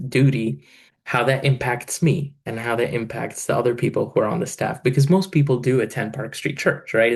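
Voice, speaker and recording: With a creaky, mid-range voice, this Egyptian church financial controller and part-time pastor in his thirties responds casually to an interviewer. He leans on lots of fillers and keeps laughing between phrases.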